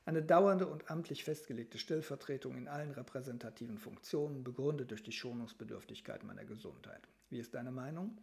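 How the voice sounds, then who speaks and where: A man voicing an ailing grand duke, the older brother, who speaks in a formal, tired and measured way in a novel reading. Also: mid-range voice, very animated, vocal fry, a little mellow. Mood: weary formal.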